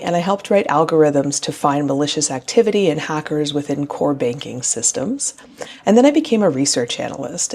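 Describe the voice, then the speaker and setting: A woman in her forties from New Hampshire, giving an earnest, measured campaign address as a town council candidate. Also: low-pitched, a little mellow. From New Hampshire, USA.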